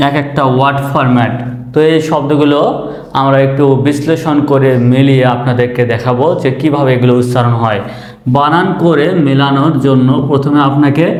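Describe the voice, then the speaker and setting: A man's voice: fairly high pitch, darkish tone, echoey room. A man teaching a lesson, explaining step by step and spelling words out letter by letter. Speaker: English teacher. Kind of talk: classroom lesson.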